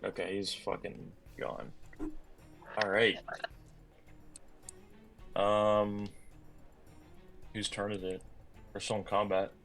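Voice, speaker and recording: A man playing in a tabletop game, chatting casually, excitable and swearing freely. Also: on the low side, slow pace, creaky, pauses often, faint music behind.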